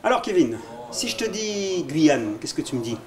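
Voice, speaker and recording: A man's voice: fairly high pitch, very animated, normal speed. A man interviewing a guest in a casual, familiar way. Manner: friendly, familiar questioning.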